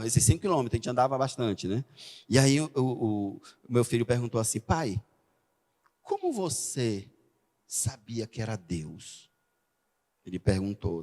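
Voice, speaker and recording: A man's voice: mid-range voice, darkish tone. A middle-aged man preaching a sermon, telling stories in a chatty way and often checking in with the congregation. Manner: conversational, frequent "né?" tag questions. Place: church sanctuary. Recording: long church hall reverb.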